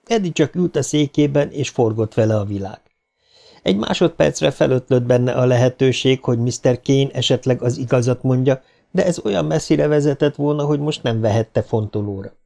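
A man narrating an audiobook in an even, measured storytelling manner. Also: medium pitch, creaky. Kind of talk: scripted narration.

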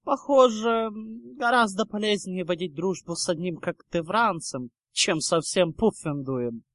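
A man voicing an arrogant aristocratic schoolboy with a slow, haughty drawl. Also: high-pitched, a bit bright, no echo, studio quality, pitched above the performer's own voice. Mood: mocking.

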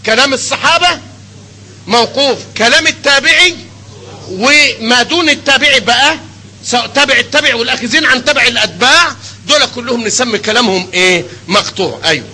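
An older man with an Egyptian Arabic accent teaching a hadith class, animated and constantly quizzing his students with questions. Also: very high-pitched, slight background noise, rough recording. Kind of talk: classroom lecture.

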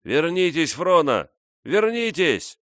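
A man's voice: on the low side, animated, unhurried, a bit bright, no echo, studio quality, voice pushed up. A man voicing a proud but ashamed young engineer who calls out earnestly. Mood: pleading shout.

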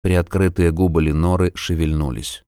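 A man narrating a fantasy novel as an audiobook in a measured, even storytelling manner. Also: low-pitched, clean tone, dry recording, clean studio sound.

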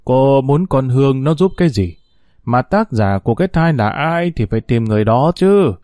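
A man's voice: medium pitch, expressive, moderate pace, warm tone, dry recording, clean studio sound, faint music behind, lightly acted. A man voicing a stern older mother who scolds bluntly and coldly in an audiobook story. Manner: curt, scolding. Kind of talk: audiobook character voice.

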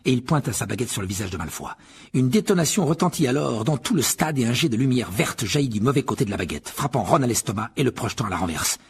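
Audiobook narrator, man, husky and expressive. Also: mid-range voice, fast talker. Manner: expressive, storytelling. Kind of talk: scripted narration.

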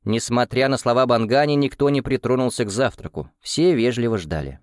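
A male audiobook narrator with a steady, measured delivery and a dry sound with no room echo. His voice sits at a middling pitch for a man. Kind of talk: scripted narration.

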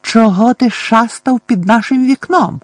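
A man voicing a shrill, scornful middle-aged aunt in an audiobook, accusing and sharp-tongued. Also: expressive, moderate pace, breathy edge, no room sound. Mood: angry.

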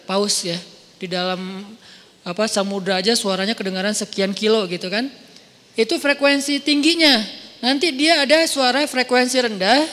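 A man giving a casual, animated sermon in a mosque, telling stories and acting out voices with jokes. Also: high voice. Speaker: preacher. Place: large mosque hall. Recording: hall reverb in a mosque.

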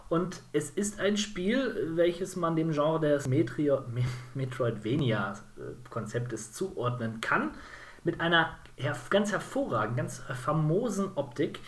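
A man's voice: fairly high pitch, animated, slow. A man co-hosting a casual games podcast, rambling with many fillers and self-corrections. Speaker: podcast co-host. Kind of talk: casual game podcast chat.

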